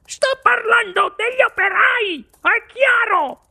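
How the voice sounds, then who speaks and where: Excitable old grandpa, very high, gravelly and slow, for a storybook audiobook. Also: exaggerated voice. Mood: excited insistent. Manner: dramatic, exclaiming, drawn-out emphasis. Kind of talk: audiobook character voice.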